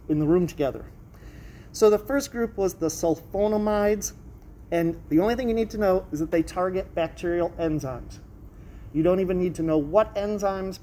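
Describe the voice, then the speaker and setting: A female college lecturer with a low, dark voice explains material to her class and asks questions to check understanding. A face mask muffles her speech, and the live classroom recording is noisy.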